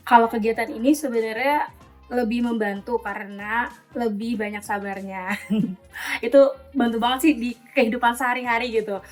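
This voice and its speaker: A woman's voice: on the high side, fairly even intonation, moderate pace, faint music behind. Hesitant woman in her late twenties. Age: 20s. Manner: hesitant, many fillers. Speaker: volunteer tutor interviewee. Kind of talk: casual interview answers.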